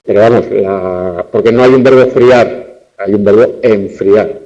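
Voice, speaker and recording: In a lo-fi online stream of a classroom lecture, a man with a lowish, steady, warm voice teaches university students about spelling and accent marks. He speaks at a measured pace and draws out example words one syllable at a time.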